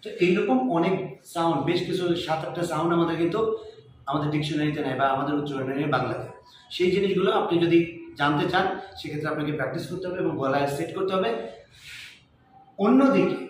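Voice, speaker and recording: A man from Bangladesh, giving a spoken lesson as an English teacher and repeating words slowly to model them. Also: a little high, distant mic, a little hiss or hum. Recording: very echoey room, voice off the mic.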